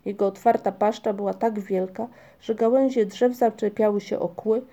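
A woman narrating a children's storybook in a measured reading. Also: medium pitch, steady tone, dark tone. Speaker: audiobook narrator. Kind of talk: scripted narration.

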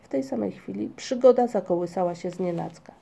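Dark, gravelly woman reading a story. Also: medium pitch. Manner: measured storytelling. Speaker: audiobook narrator. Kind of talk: scripted narration.

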